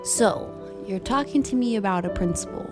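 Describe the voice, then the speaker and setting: A woman's voice: medium pitch, moderate pace, music in the background. A young woman venting a heated, profane work story in a casual vlog. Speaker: vlogger telling a work story. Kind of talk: casual storytime rant over gameplay.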